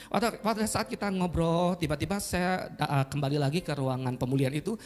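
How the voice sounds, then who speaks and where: A man's voice: fairly high pitch, a little mellow. A middle-aged male pastor giving an emotional sermon testimony, speaking directly to his congregation as he recounts events.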